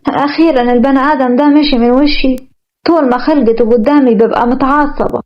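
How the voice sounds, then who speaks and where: A woman with an Egyptian accent voicing a defiant, stubborn young bride who talks in quick, sassy retorts. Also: high-pitched, steady tone, soft background music, lightly acted. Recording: muffled lo-fi recording.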